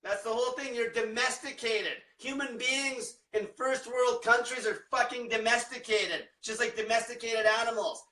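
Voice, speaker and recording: Casting: young male diet coach, blunt profane ranter, high voice, echoey room, distant mic. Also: steady tone, moderate pace, few pauses, pushed and bright. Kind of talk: livestream rant.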